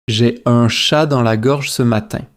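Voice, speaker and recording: For shadowing practice, a teacher reads out language drills phrase by phrase. He's a man of medium pitch, and his reading is measured and repetitive.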